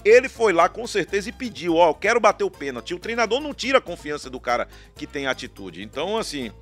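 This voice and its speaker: A man's voice: high-pitched, fast talker, soft background music. A man, a sports commentator, talking casually on a football panel and telling stories with animation. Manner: animated storyteller, frequent restarts.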